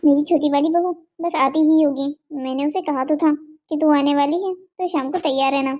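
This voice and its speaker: A woman voicing a calm, mild older mother-in-law in a cartoon. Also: high voice, moderate pace, close to an everyday voice. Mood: content.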